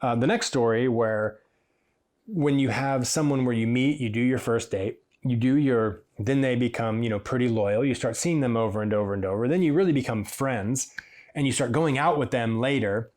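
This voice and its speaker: Speaking at a moderate pace in a mid-range, darkish voice, a Washington State man who's both a hairdresser and podcast host tells rambling, chatty stories. His casual monologue gets livelier when he quotes people.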